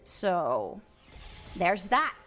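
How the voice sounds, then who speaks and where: A woman casting an esports match live, chatty and quick to react, laughing often. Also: fairly low pitch, big pitch swings, a bit bright, slight background noise. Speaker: esports caster.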